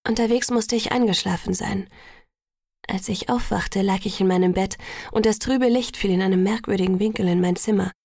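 A woman narrates a first-person novel in a soft, intimate audiobook reading. Her voice is husky, with a gravelly creak at phrase ends. The sound is close and dry, with no room around it. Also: mid-range voice, fairly even intonation, normal speed, no room sound. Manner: soft, intimate, sometimes whispered.

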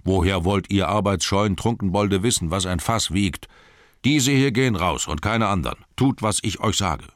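A man reading an audiobook, voicing a grumpy, drowsy old male elf cellar-master with a slow grumbling scold. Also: low voice, animated, a bit bright, no echo, studio quality. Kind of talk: audiobook character voice.

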